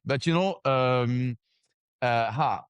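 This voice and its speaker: Being interviewed, this gym-franchise founder from France speaks halting, accented English, hunting for words and making grammatical slips. He has a smooth, mid-range voice and a slow pace. There is no echo, though the highs are cut off.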